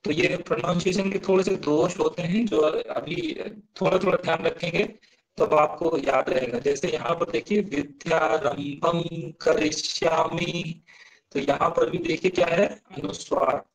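A man teaching a class, explaining pronunciation step by step, pausing to ask his students questions and reciting verses syllable by syllable. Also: a little high, low-quality recording. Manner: patient, stepwise, asks students questions. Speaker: Sanskrit teacher.

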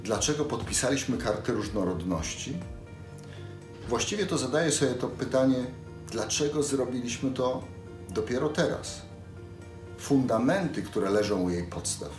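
Man speaking over clear music. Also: medium pitch. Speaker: bank executive. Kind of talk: prepared corporate statement. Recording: echoey room.

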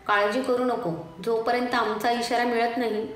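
A woman's voice: on the high side, level tone, normal speed, far from the mic, soft background music, lightly acted. A woman reading as a stern male police officer. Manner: firm, threatening. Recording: echoey room, faint noise.

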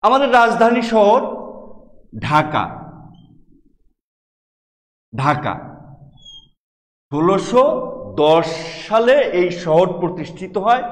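A middle-aged man from Bangladesh, a Bengali professor giving a classroom lecture, explaining slowly and repeating key words. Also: sits high, animated. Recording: echoey hall reverb.

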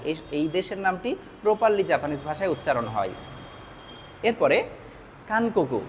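A man's voice: high voice, slight background noise. Bengali-accented man teaching Japanese vocabulary. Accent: Bangladeshi Bengali. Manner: repeats each word and its meaning slowly. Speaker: language teacher. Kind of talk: vocabulary lesson.

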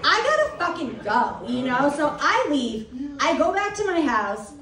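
A woman doing a stand-up comedy set, telling a story in a profane, animated way. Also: high voice, normal speed, recorded from a distance. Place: comedy club stage. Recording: echoey club mic heard from afar, loud crowd. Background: audience laughter.

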